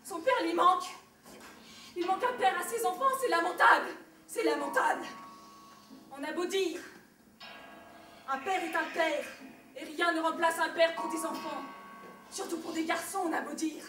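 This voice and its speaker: A woman plays a doting, lamenting mother in a stage play, her voice high and bright. It is caught from a distance in an echoey hall, with faint music underneath. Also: normal speed, pauses often. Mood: reproachful. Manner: theatrical, lamenting. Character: doting middle-aged mother pining for absent husband. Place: theatre stage. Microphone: distant room mic.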